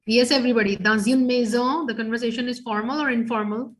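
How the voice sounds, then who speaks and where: A woman's voice: on the high side, fairly even intonation, quick pace. Woman teaching a French class online. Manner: explains French phrases in English, asks students questions.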